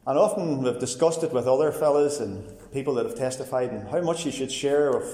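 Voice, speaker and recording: A man in his forties with a Northern Irish accent, giving a personal testimony in a plain, earnest, halting way. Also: medium pitch, warm tone. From Northern Ireland. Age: 40s. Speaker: testifying church member. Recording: echoey hall with long reverb.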